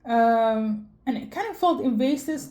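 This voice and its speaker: Speaking a little slowly with lively intonation, a young tarot reader from Sweden wanders through a spiritual reading. Her soft, mellow voice sits slightly high, and she often uses fillers, starts over and corrects herself.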